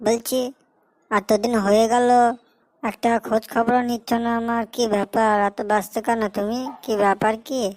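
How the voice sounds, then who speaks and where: A woman's voice: a little high, little pitch movement, normal speed, darkish tone, close to an everyday voice, poor audio. A woman voicing a lovesick young boyfriend who pleads, sulks and laments melodramatically in a comedy sketch. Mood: whiny. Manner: pleading, self-pitying, dramatic laments.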